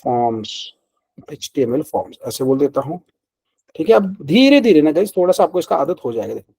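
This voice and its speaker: A man's voice: on the high side, very animated, brisk, gravelly, warm tone, husky, poor audio. A man teaching web development in a conversational way, asking questions and then answering them himself, with frequent check-in words. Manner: mixes Hindi and English, asks and answers his own questions; conversational, frequent fillers like "ठीक है" and "ना". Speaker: programming instructor. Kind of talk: screen-recorded coding lesson.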